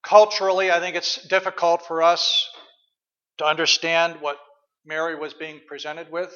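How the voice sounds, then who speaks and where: A male pastor giving a sermon in a church, conversational and reflective, often pausing on fillers. His voice sits somewhat high for a man. The recording is dull and lo-fi. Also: flat delivery, pushed and bright, long reverb tail.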